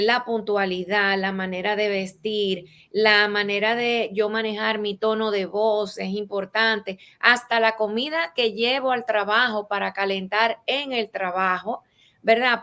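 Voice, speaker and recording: A woman with a Latin American Spanish accent, a guest expert in an interview, explains rules didactically using practical examples. Her voice is medium-pitched and a bit bright.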